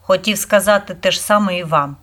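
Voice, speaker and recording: A woman voicing a grumpy little male forest spirit in a read-aloud storybook, with a gruff, grumbling manner. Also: mid-range voice, brisk, a bit bright, close to an everyday voice.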